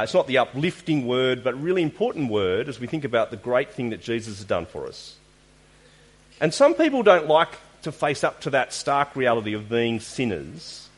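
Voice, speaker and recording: A man preaching an informal, conversational sermon, earnest and plain-spoken, often putting questions to his listeners. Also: mid-range voice. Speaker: preacher giving a Christmas church sermon.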